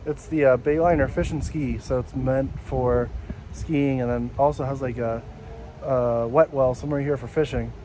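Holding the camera himself in a home's yard, a thirtysomething American vlogger gives a relaxed, folksy tour. His mid-range voice is mellow and steady at a normal speed, and the action-camera sound picks up plenty of outdoor noise.

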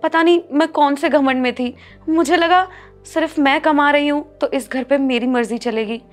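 An actress playing a proud, bossy working daughter-in-law in a family short film, commanding in tone. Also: female voice, high voice, moderate pace, faint music behind, lightly acted. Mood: apologetic.

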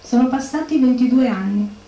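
A woman's voice: fairly high pitch, normal speed, warm tone, lightly acted. An actress playing the grieving widow of a murdered policeman, bitter and accusing, in a stage monologue. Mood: indignant. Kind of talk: theatrical monologue. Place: bookshop stage. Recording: echoey room.

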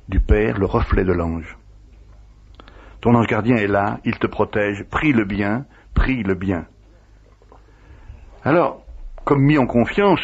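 Reminiscing in an interview, a priest brings his stories to life by voicing the quoted conversations himself. His voice is fairly low and slightly rough, heard through a dull lo-fi radio recording.

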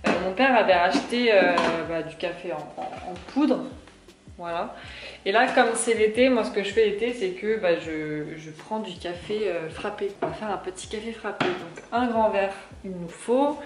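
A young French woman vlogs casually to camera in her apartment, rambling with plenty of fillers. Her voice is medium-pitched and moderately paced, heard in an echoey room with background noise.

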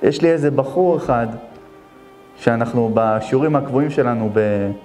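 A man, a rabbi, giving an impassioned sermon, swinging between soft and loud and chanting verses. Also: mid-range voice. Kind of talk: emotional sermon. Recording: echoey hall with soft music behind.

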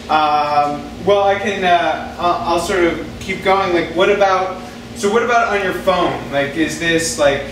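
A man with a high voice moderates a theater panel with loose, filler-heavy questions. He sounds far from the mic in a very echoey room. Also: a little slow, background noise. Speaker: emcee. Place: small theater stage.

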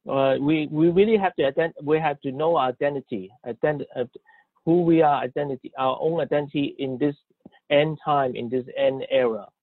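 A man interpreting a sermon live, halting and restarting often as he searches for words. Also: a little high, dry recording. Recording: dry, tinny phone-like line.

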